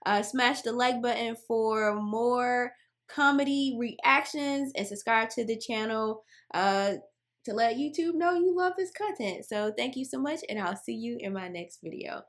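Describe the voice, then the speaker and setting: A woman's voice: on the high side, expressive, a little slow. A woman hosting a reaction video, chatting casually and signing off to her viewers. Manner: chatty, friendly sign-off to viewers.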